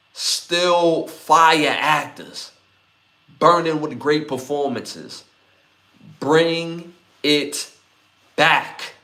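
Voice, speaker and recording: With a mid-range, fairly bright voice, a man in his forties hosts a solo podcast and talks directly to his live chat. He's emphatic and repeats his appeals over and over.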